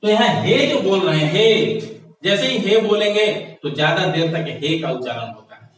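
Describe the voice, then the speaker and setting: A male teacher with a fairly high voice, taking the lesson one step at a time and asking his students questions before answering them himself. He is some distance from the mic, and the room rings with heavy echo. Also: lively intonation, a little fast, a bit bright. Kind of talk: classroom lesson.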